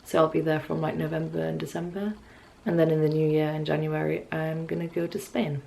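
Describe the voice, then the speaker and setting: A north-east England woman in her 20s, from around Newcastle, talks to camera as a vlogger in a small furnished bedroom, rambling casually and hesitantly with wry musing. Her voice is low, level, brisk and creaky, a touch mellow, over a little hiss or hum.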